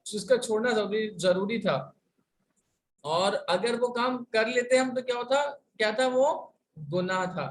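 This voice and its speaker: A man from Pakistan teaching a religious class, patiently asking rhetorical questions and answering them himself. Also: extremely high pitch. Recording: roomy sound, distant from mic, faint hiss.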